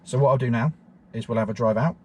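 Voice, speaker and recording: A man explaining driving technique as an instructor from inside a car, in a steady, repetitive teaching manner with frequent fillers. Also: mid-range voice, fast, slight background noise.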